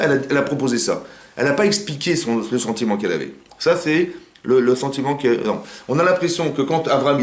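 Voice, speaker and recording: In the living room of a private home, a rabbi with a medium-pitched voice leads an informal Torah class. He talks rapidly and animatedly, peppering listeners with rhetorical questions, and the home recording sounds roomy.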